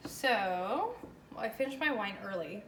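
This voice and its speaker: A woman's voice: mid-range voice, animated, unhurried, a bit bright. An American woman chatting casually and enthusiastically through a home baking demonstration in an informal, chirpy way. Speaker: host of a home baking show. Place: indoors, home kitchen. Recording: echoey room with faint background noise.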